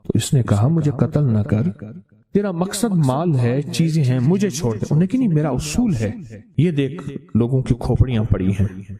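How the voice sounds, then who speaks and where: A man's voice: mid-range voice, big pitch swings, dark tone. A man preaching a sermon and telling a story dramatically, acting out the characters' lines. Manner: dramatic storyteller, acts out voices in quotes.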